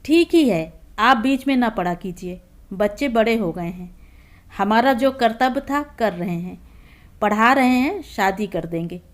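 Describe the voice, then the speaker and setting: A woman voicing a sharp-tongued, complaining middle-aged housewife in a storybook reading. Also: medium pitch, lively intonation, measured pace, close to an everyday voice. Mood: dismissive. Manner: sarcastic, complaining.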